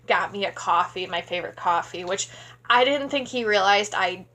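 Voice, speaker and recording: A sleepy woman in her thirties from Wisconsin rambles casually through a vlog Q&A in a small room at home, chatty and using many fillers. Her medium-pitched voice is pushed and bright at a moderate pace, recorded at close range by the tablet camera she speaks into.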